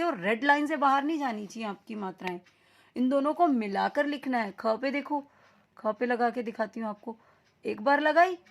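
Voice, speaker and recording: A fairly high-pitched woman leads a lesson for small children. She stretches out each syllable clearly and repeats words for emphasis, dropping English words into her explanations. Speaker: teacher. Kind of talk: recorded online class lesson for young children.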